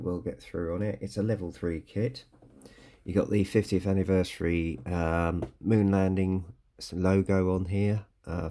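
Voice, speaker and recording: A British man with a very low, gravelly voice talks through a hobby kit unboxing. He sounds croaky and congested from a cold. His delivery is casual and conversational, with halting phrasing. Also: darkish tone. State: ill with a cold or hay fever, coughing. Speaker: scale model kit reviewer.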